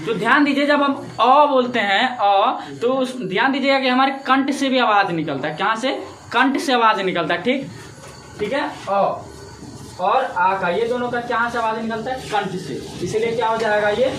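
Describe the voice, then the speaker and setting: A male teacher walks through a grammar lesson, posing a question and then giving the answer himself, over and over. His voice bounces around an echoey room with faint background noise. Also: high voice. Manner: asks questions and answers them himself, repetitive. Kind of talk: classroom-style Hindi grammar lesson.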